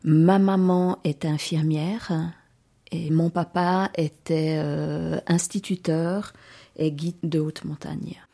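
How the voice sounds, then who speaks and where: A woman in her 40s from the Lausanne region of Switzerland hesitantly recounts her personal story in an interview. Her voice is deep, steady, gravelly and dark, and she sounds reflective, with many pauses and fillers.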